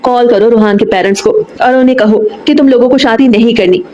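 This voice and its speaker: A woman's voice: fairly high pitch, quick pace, warm tone, lo-fi sound, slight background noise, natural voice. A woman voicing a jealous young woman in a romance audiobook, talking in a pleading, demanding way. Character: jealous young woman office worker, pleading then threatening.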